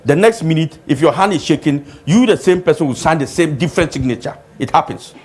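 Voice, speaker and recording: A man's voice: on the high side, expressive, quick pace, a little mellow, breathy edge. A man with a Ghanaian accent making an unscripted, aggrieved and insistent complaint.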